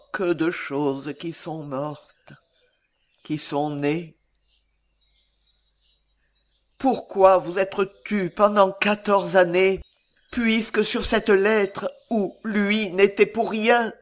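A loving young noblewoman, played by a man speaks verse for a stage play. The voice sits high for a man and moves slowly. The delivery is earnest and emotional. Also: steady tone. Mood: pleading.

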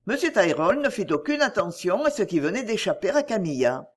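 A woman narrating an audiobook of a classic novel with an expressive, dramatic delivery. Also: mid-range voice, brisk, breathy edge.

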